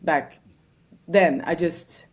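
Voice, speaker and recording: A woman's voice: deep voice, very slow. A woman from Germany, a musician guest answering interview questions reflectively and searching for words.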